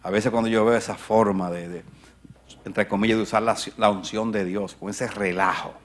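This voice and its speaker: A male pastor preaching a sermon to his congregation, swinging from shouts to near whispers and asking the crowd questions along the way. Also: on the low side, steady tone, moderate pace, a little hiss or hum. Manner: conversational asides to the congregation. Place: church.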